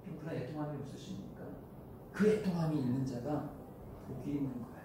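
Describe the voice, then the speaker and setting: A male pastor preaching a sermon with passion, dropping to a hush and then rising to loud cries. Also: mid-range voice, fast, slight background noise. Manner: impassioned preaching, swings from hushed to loud cries. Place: church sanctuary. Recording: very echoey hall, from a distance.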